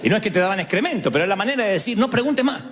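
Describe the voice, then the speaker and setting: Pastor preaching with lively pitch. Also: male voice, rapid-fire, a little hiss or hum. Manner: animated, joking storytelling. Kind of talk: sermon. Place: church service before a congregation. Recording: long reverb in a large hall.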